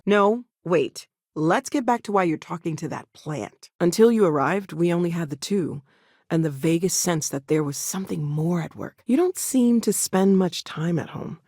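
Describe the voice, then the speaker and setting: A woman's voice: lowish voice, animated, normal speed, mellow, slightly rough, no room sound, clean studio sound. A woman acting an earnest, curious and wry scientist in a video game, talking in a hesitant, thoughtful, natural way. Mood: friendly, wry.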